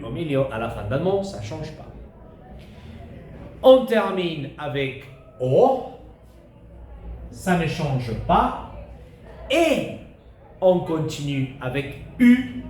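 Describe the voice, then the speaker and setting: A teacher, a man with a fairly high voice, leads a beginner lesson at an unhurried pace. He repeats each sound with care so pupils can follow. The recording is roomy, with a faint hiss behind it. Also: sing-song, darkish tone. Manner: slow, careful, repeats vowels for pupils to echo. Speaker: Spanish teacher. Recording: echoey room with faint hiss.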